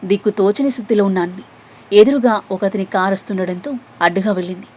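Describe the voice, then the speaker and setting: A woman narrates an emotional serialized story with a breathy, airy tone. She carries the plot along and slips into the characters' lines as she goes. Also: mid-range voice, fairly even intonation, quick pace, dark tone, dull audio. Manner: voices the characters' quoted lines herself.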